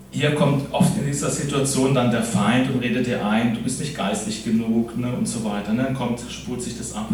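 A man preaching a casual sermon, his voice set back from the microphone and ringing around a very echoey hall. He talks to the congregation informally, checking in with them constantly. Room noise sits clearly underneath him. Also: medium pitch, a little mellow. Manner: conversational, keeps adding "ne?". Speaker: pastor. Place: church hall. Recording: echoey hall, far from the mic.

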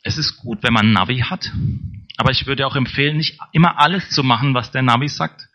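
Man, sermon, chatty delivery, middle pitch, dull lo-fi sound. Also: a little fast, sharp tone. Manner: conversational, tag questions to congregation. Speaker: preacher.

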